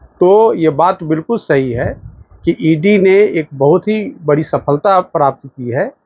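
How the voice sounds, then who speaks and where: A man speaking as a lawyer in formal political commentary to a news channel, emphatic, with pauses and fillers. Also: a little high, lively intonation, darkish tone, highs cut off. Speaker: lawyer giving a statement.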